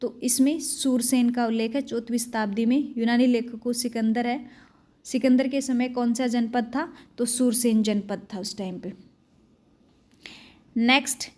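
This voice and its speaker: Brisk high-voiced woman teaching a quiz. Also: steady tone, darkish tone. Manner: fast, brisk question-and-answer delivery. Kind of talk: exam-prep quiz lesson.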